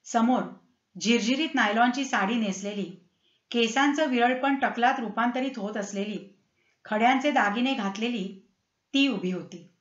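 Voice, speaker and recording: A woman reading a story aloud in a lively, dramatic way, slipping into character voices. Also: a little high, a little slow. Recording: roomy, slightly dull recording.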